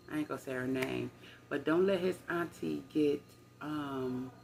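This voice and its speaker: Older lady rambling to her viewers on her phone, gravelly voice, bit of hiss behind. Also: sits low. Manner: rambling, conversational, addresses viewers as y'all. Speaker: vlogger. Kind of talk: casual storytime vlog.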